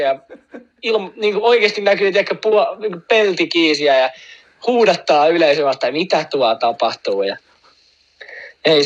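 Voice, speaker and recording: A man with a slightly high voice rambles through a story in relaxed chat, stacking fillers and asides as he goes. The sound is dull and a bit lo-fi. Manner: rambling, full of fillers, laughs at own story. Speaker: guest telling a story. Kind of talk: casual anecdote.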